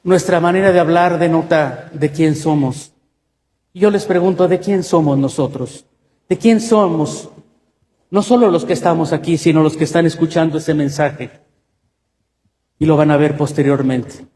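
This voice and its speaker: A man's voice: fairly high pitch, normal speed, mellow. A male pastor with a Mexican accent preaching a sermon, emphatic and full of rhetorical questions, in a church. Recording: echoey church hall.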